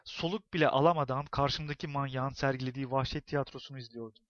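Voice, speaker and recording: A man narrating a novel as an audiobook, in expressive, tense storytelling. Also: mid-range voice, quick pace, no echo, dull audio.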